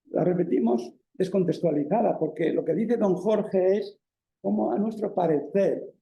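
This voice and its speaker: The recording is muffled with a slight hiss or hum as a high-pitched Spanish professor with a Peninsular accent lectures in an echoey hall. At a moderate pace and with vocal fry, he walks through the material step by step, using many fillers and tag questions.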